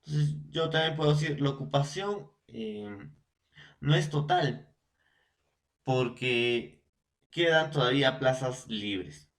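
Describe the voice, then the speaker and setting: A man's voice: mid-range voice, slow. A man with a Peruvian Spanish accent giving a recorded language lesson. He addresses young students directly, repeats points, and checks their understanding often. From Peru. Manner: repetitive, often checks in with "¿no?" and "entonces". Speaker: language teacher.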